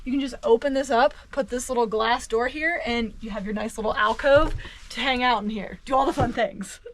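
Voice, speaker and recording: A woman's voice: a little high, brisk. A woman vlogger giving a casual walkthrough tour, speaking to camera from inside a small camper van.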